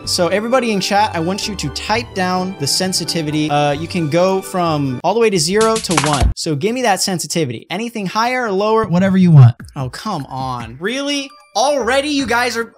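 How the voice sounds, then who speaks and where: A young man streaming a video game, talking excitedly at his desk, yelping and swearing at what happens on screen. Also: sits high, a little fast, few pauses. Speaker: gaming streamer. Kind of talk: excitable gameplay commentary. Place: at a computer desk. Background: background music.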